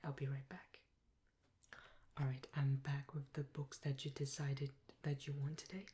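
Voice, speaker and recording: A woman softly whispering a role-play as a helpful, patient librarian, breathy and gentle, close to a binaural microphone. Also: very deep voice, level tone. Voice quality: soft-spoken, breathy, often whispered. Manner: gentle, unhurried customer-service talk with pauses. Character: helpful, patient female librarian serving a patron. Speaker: ASMR performer playing a librarian. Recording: close binaural mic with clear hiss.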